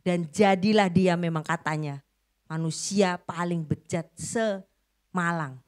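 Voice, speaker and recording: A middle-aged woman preaching a sermon, telling a story dramatically and swinging between loud bursts and hushed lines. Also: lowish voice, slow pace.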